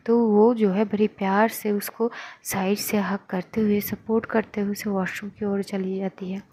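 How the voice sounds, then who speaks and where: A woman's voice: medium pitch, little pitch movement, measured pace, dark tone, slightly rough. A woman narrating a romance story in a casual spoken way, often sinking to a near-whisper. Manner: casual, recaps with filler words, drops to a near-whisper at tender moments.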